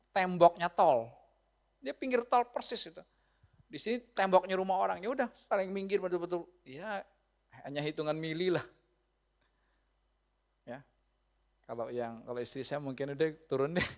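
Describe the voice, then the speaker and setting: A male pastor preaching a sermon, telling a personal story in a lively way, talking to the congregation and acting out the people he quotes. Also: sits high. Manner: animated storyteller who acts out quoted dialogue in a raised voice; addresses the congregation with asides and questions.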